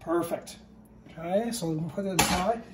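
A middle-aged man with a fairly high voice talks viewers through a recipe in a relaxed, step-by-step way. He is recorded in an echoey home kitchen. The camera mic sits some distance away from him. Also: moderate pace, noisy background. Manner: easygoing step-by-step instructions, often checks in with okay. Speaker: home cooking show host. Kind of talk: casual cooking demonstration.

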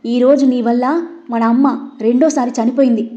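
Storybook role: woman reading as an angry young man, raised voice, high-pitched, muffled recording. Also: fairly even intonation, moderate pace, close to an everyday voice. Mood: furious. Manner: shouting, louder than narration. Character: furious young man, grieving, hot-headed. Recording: dull lo-fi recording.

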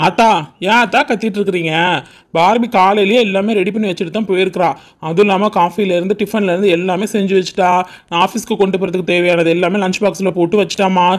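A woman doing a quick-talking young man. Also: mid-range voice, steady tone, natural voice. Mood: reassuring. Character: young man heading to the office. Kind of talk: doll-show voice acting.

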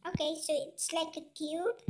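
A gaming channel host talking through a puzzle game in a chipmunk voice effect, chatty and often asking "okay?". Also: moderate pace. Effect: chipmunk voice, sped-up high-pitched filter. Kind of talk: casual let's-play commentary.

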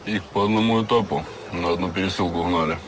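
A man's voice: deep voice, fast talker, lightly acted. A man playing a laconic underworld tough in a film, speaking matter-of-factly. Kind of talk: naturalistic film dialogue. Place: outdoors in an open square. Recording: noisy outdoor film sound.

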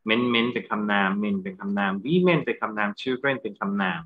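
A man's voice: fairly low pitch, lively intonation, normal speed, phone-quality sound. A Thai-accented man teaching English grammar in a lecture, going through exam answers and checking understanding with rhetorical questions.

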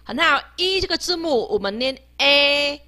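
Bright-voiced woman teaching a language lesson. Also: sits high, very animated. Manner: patient, repeats each sound slowly three times; ends phrases with a soft "ha" tag.

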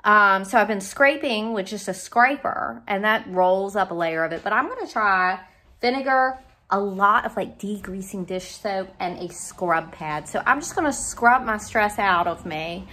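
A woman's voice: medium pitch, moderate pace, bright, forceful tone. A woman vlogging her house renovation, talking through her doubts in an uncertain, worried way. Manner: uncertain, worried thinking aloud. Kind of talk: casual vlog narration.

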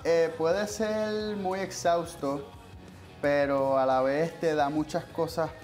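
A man in his twenties from Puerto Rico with a Puerto Rican accent, a musician guest talking in a relaxed, hesitant way with many fillers. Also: a little high, slow pace, faint music behind. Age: 20s. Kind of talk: casual interview. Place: TV studio set.

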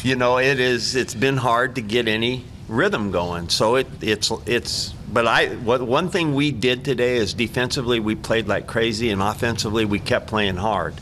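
A man's voice: mid-range voice, moderate pace, hardly any pauses, fairly bright tone, slight background noise. An older man, a head coach, speaking plainly at a post-game press conference and often restarting his sentences. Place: press room, seated at table. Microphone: table mic.

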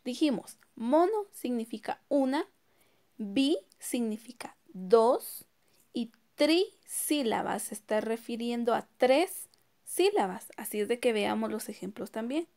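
Slow, patient woman teacher. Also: fairly high pitch, lively intonation, darkish tone. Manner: slow, clear syllable-by-syllable teaching with questions to students. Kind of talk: recorded online class.

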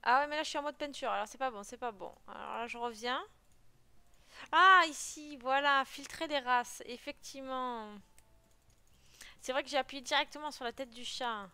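Woman, casual game commentary, giggly and chatty, bright tone, high pitch. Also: moderate pace, smooth. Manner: giggly, chatty, exclaims often; plays with cute meows. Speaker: let's play gamer.

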